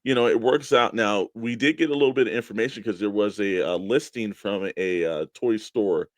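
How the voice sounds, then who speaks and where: A man co-hosts a toy collecting show, talking casually and explaining his opinions at length. He speaks at a moderate pace in a lowish voice, with no echo.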